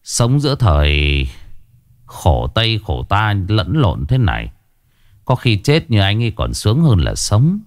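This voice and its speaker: A man voicing a middle-aged village ritual master, stern yet kind, speaking in a low, gruff tone. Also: wildly swooping pitch, unhurried, dry recording, clean studio sound. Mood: gentle firm.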